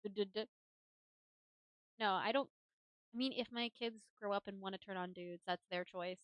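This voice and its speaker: A young woman streamer chatting casually, telling family stories in a lively, animated way and laughing often. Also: medium pitch, normal speed, no echo, muffled recording. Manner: laughs often while talking. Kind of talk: casual chat.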